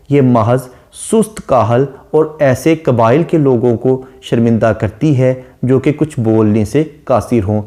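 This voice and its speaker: Man, literature lecturer, dark relaxed tone, slow verse readings. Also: mid-range voice. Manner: reads English verse slowly, then explains. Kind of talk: explaining a sonnet line by line.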